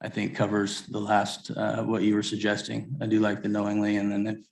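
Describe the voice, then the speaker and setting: A man commissioner giving his view in a meeting, halting and restarting his phrases. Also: lowish voice, completely flat delivery, vocal fry, a little mellow, roomy sound. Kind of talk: meeting discussion.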